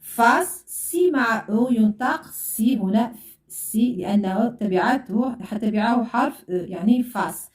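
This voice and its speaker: A woman teaches in a slow, patient way, repeating each sound and spelling it out for her pupils. Her voice sits a little high. She is heard from a distance in an echoey room. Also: animated. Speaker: French teacher. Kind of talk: classroom lesson. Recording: echoey room, voice far from mic.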